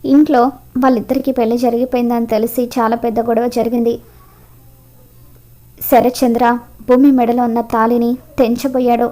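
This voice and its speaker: Pleading apologetic man, read by a woman, flat even tone, mellow. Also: on the high side, moderate pace, long pauses, close to an everyday voice.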